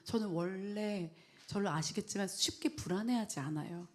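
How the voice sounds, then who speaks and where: A middle-aged woman pastor with a mid-range voice, speaking at normal speed, delivers a testimony sermon. She tells her personal story earnestly, like a storyteller, and drops to soft whispers whenever she quotes her prayers.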